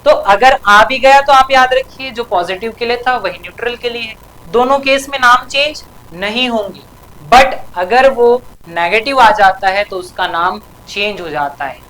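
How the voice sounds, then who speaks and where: In a poorly recorded chemistry lesson for exam prep, a woman with a fairly high, fairly bright voice speaks at a moderate pace. She keeps posing questions and answering them herself, tacking tag questions onto many sentences.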